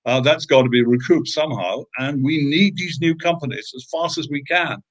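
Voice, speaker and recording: A British man, a guest in an interview, tells a story conversationally and emphatically, with frequent fillers and restarts. His voice is a little high, and he keeps a moderate pace.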